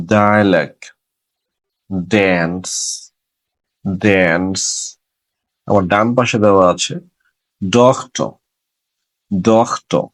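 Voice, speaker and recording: A man with a Bengali accent teaching English pronunciation, saying each example word slowly and repeating it. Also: fairly low pitch. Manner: slow, drawn-out repetition of each word. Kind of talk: pronunciation lesson.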